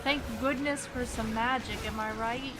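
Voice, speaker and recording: A woman's voice: fairly high pitch, fairly even intonation, moderate pace. A young woman streaming a game, chatting casually and giggling as she talks to the characters. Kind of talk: casual gameplay commentary. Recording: game sound noise behind.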